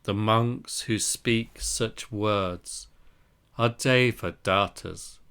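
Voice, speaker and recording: Slow, smooth-voiced man reading scripture. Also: fairly low pitch, fairly bright tone. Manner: measured, deliberate phrasing in short units. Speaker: reader of a Zen Buddhist text.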